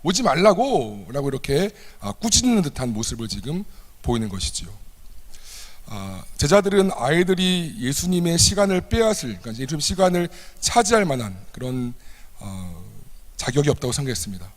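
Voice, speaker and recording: A man's voice: mid-range voice, sing-song, brisk, big-room sound. A man preaching a sermon to a youth service, acting out quoted lines with a raised voice. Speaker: youth ministry pastor. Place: church.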